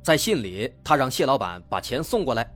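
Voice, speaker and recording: A man's voice: mid-range voice, sing-song, a little fast, fairly bright tone, faint music behind. A man narrates true crime stories in a conversational, explanatory way, posing rhetorical questions.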